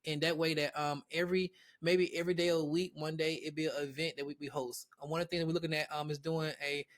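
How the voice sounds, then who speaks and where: A man's voice: on the high side, flat delivery, fast talker. A man who is a guest on an interview show, talking casually about his platform with many restarts and repeated words. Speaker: guest, real estate platform founder.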